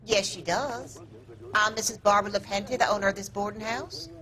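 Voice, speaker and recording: A woman's voice: mid-range voice, normal speed, fairly bright tone, natural voice. A woman playing a prim, proper 1940s boarding house landlady in a video game, polite and formal. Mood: polite, guarded. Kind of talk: video game drama acting.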